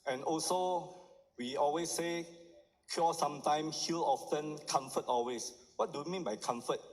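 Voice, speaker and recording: A middle-aged doctor, giving a conference lecture and often checking in with the audience with "huh?" and "right?". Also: male voice, medium pitch. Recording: long hall reverb.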